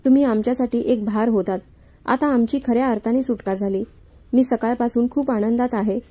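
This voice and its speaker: A woman's voice: a little high, steady tone, a little fast, mellow, natural voice. Woman reading as a cold selfish son.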